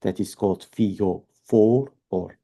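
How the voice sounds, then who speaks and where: A Belgian man in his fifties, a fertility doctor with a Belgian accent, talks in a mellow, fairly low voice at a slightly slow pace. He explains things patiently and step by step in an interview, often adding tag questions.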